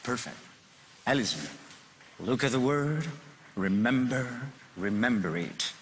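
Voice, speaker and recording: Lively Italian man performing on stage. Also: medium pitch, measured pace, slight background noise. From Italy. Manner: lively, playful, coaxing. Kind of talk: stage patter to an audience. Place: large theater stage. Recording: long hall reverb with loud music.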